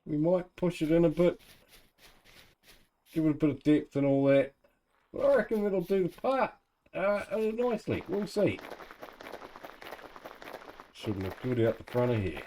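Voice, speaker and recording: A man's voice: on the high side, very animated, a little slow, long pauses, mellow, low-quality recording. A man with a New Zealand accent giving casual, laid-back gameplay commentary, thinking aloud in colloquial speech. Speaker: gamer narrating own let's play.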